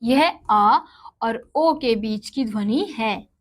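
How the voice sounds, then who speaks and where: Female teacher, unhurried and slightly high, patient explainer who spells letters out one at a time. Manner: patient, asks and answers her own questions. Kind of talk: explanatory grammar lesson.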